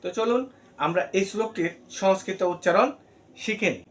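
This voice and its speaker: A man's voice: high voice, fairly quick, a bit bright. A man teaching Sanskrit pronunciation in a recorded class, explaining patiently step by step and often checking that the listeners follow. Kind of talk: recorded online class lesson.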